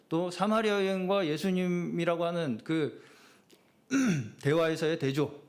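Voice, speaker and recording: A middle-aged male pastor preaching a Friday prayer service sermon in a conversational style, often dropping in short affirming "yes" words. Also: high-pitched. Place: church sanctuary.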